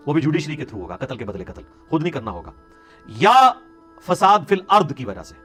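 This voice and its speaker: Pakistani man giving a religious lecture. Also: on the high side. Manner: explanatory, conversational with sarcastic asides and Punjabi interjections. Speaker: Islamic scholar.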